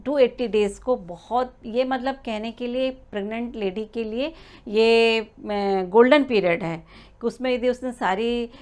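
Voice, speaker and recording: A woman with a somewhat high-pitched voice gives an explainer lesson to pregnant mothers. She talks things through at an easy teaching pace, pausing on "uh" and correcting herself mid-word now and then. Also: darkish tone. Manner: explanatory, many "uh" fillers and restarts. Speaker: prenatal learning coach.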